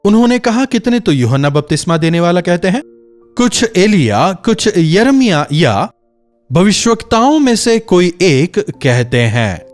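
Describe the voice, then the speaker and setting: Animated high-voiced male preacher. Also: a little slow, faint music behind. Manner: expressive preaching, rhetorical questions to listeners. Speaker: pastor. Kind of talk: daily devotional sermon.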